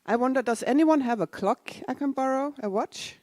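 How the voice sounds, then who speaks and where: A Danish-born woman in her forties gives a casual, self-deprecating conference talk in a conference hall, tossing asides to the audience. Her voice is high and darkish, at normal speed, with no echo.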